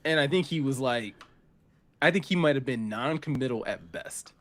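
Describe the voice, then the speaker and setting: A man co-hosting a casual sports podcast, animated and quick to laugh, with lots of filler words. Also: mid-range voice.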